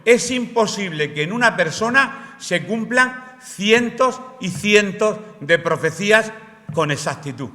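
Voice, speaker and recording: Bright-voiced man preaching in a church. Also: high-pitched, expressive, a little slow. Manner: explanatory, asks the congregation rhetorical questions. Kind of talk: sermon. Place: church hall. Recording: roomy church hall reverb.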